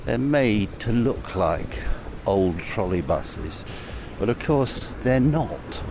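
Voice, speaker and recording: Slow-spoken British man commenting on location. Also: lowish voice, animated. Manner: measured, observational, pausing between phrases. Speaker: narrator of an audio travel journal. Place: outdoors on city streets and at a station. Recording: outdoor city noise, traffic.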